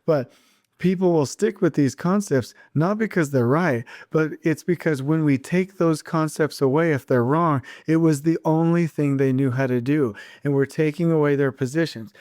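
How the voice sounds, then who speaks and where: A man's voice: on the high side, normal speed, a little mellow, no echo, clean studio sound. A man hosting his own podcast, talking alone with strong feeling, repeating words for emphasis and restarting his sentences as he goes. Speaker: podcast host. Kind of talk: solo podcast monologue.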